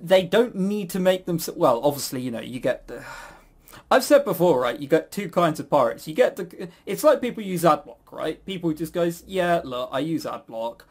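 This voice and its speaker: This is a fairly high, animated male voice at normal speed with a slightly mellow quality. The British podcast host chats casually and opinionatedly, rambling, swearing, speaking bluntly and tripping over stammered false starts.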